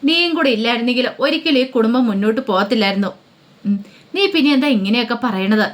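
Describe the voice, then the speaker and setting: A woman voicing an aging father in a spoken serial story, stern and quick to anger, who scolds with a rising pitch. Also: lightly acted. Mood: tender.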